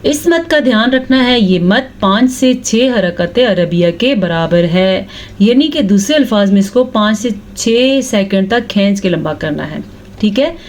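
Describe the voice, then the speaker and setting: A woman teaching Quran recitation walks her students through each rule with patience, often checking in as she goes. Her pace is slow and unhurried, and her voice sits in an ordinary middle register. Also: mid-range voice, lively intonation. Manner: patient, explains each rule step by step, checks in with "theek hai". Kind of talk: recitation lesson with slow drawn-out chanting of verses.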